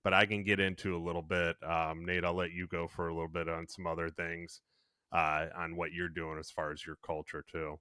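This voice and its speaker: Deep, bright-toned man, dry sound. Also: flat delivery, brisk, no room sound. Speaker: podcast co-host. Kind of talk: casual podcast chat.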